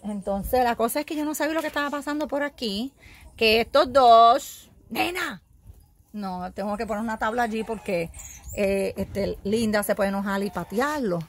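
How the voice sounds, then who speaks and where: A woman's voice: a little high, normal speed. A woman filming her goats and sheep in an outdoor pen, talking to the animals in a soothing, cooing way and laughing often. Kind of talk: casual phone vlog with animals. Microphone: handheld phone.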